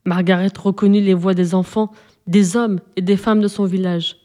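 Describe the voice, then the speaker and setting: A woman narrating a children's storybook with an expressive, dramatic reading. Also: medium pitch, normal speed.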